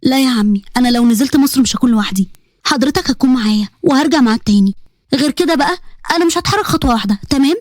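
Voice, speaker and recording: A woman's voice: high voice, very fast, dry recording, clean studio sound. A woman voicing a hurt, stubborn young woman student with an Egyptian accent, talking earnestly and emotionally in a narrated story. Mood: tearful.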